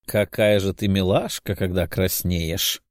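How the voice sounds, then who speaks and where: A man's voice: fairly high pitch, slow pace, warm tone, no echo, clean studio sound, voice pushed up. A man voicing a playful young female nurse who teases her friend. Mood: teasing.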